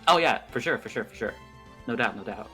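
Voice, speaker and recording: Streamer guy chatting casually, animated bright voice, playing a game. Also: mid-range voice, a little fast, slightly rough, soft background music. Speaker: game streamer greeting chat. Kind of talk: casual livestream banter.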